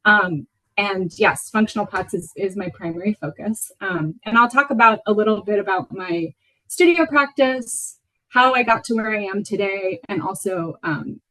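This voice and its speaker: Woman, 30s, from Venezuela, casual guest talk, mid pitch, filler words, soft trailing endings, video call. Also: normal speed, poor audio. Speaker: guest lecturer, potter. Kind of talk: casual presentation.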